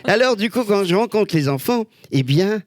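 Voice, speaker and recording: An older man, a guest, telling lively anecdotes with exclamations and quick voice changes. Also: high voice, no echo. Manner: expressive storyteller, many voices and exclamations. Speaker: guest, celebrity lookalike. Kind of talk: animated anecdotal chat.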